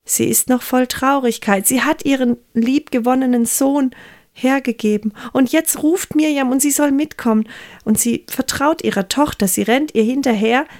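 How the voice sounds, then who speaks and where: Brief: woman storyteller, somewhat high voice, expressive children's Bible narration with slow, suspenseful pauses.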